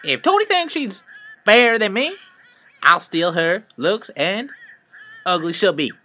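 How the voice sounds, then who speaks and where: Picture a conceited old hag of a witch, shrill and far above a normal speaking voice, spitting out rhyming taunts with a sneer. It's a video game villain, as a man puts her on while reading the text aloud. The tone stays bright and cutting. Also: very animated, measured pace, heavily acted. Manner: high, sneering, sing-song rhymes. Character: vain cackling old female witch.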